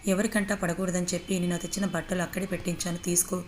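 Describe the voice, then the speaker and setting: Woman as a fussing middle-aged mother-in-law, quick and caring. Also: fairly low pitch, flat delivery, darkish tone, a little hiss or hum, close to an everyday voice. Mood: hurried. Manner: hurried, caring.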